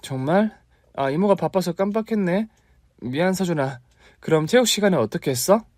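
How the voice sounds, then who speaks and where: An emotional young aunt, as a man puts her on, her voice lifted well above the reader's own register. She is earnest and expressive, swinging between pleading and fond teasing. The voice is recorded close and dry. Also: sits high, moderate pace, no room sound, voice pushed up. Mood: gentle affectionate. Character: young woman, devoted aunt raising her nephew. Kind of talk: dramatized story reading.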